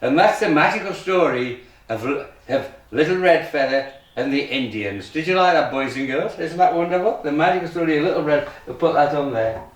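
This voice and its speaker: A man with a fairly high, very animated voice plays to children like a party magician. He speaks in simple, repeated phrases, full of mock surprise and pantomime questions. The sound is roomy and echoing, picked up from a distance. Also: fairly quick, few pauses. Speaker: children's show magician and host. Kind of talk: kids party magician show, storytelling to children. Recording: roomy echo, distant microphone.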